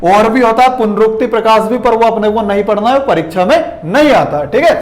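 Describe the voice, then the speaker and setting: A man with a high-pitched voice teaches a classroom lesson. He keeps firing questions at his students, calling them "beta", and answers them himself, with a steady "theek hai" between points. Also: a little fast. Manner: checks in with "theek hai" throughout.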